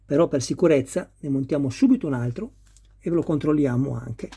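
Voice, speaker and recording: A man's voice: mid-range voice, brisk, vocal fry, mellow, breathy edge. A man talking viewers through assembling a scale model car step by step, patient and careful with each detail. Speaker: model kit builder. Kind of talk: hands-on assembly tutorial.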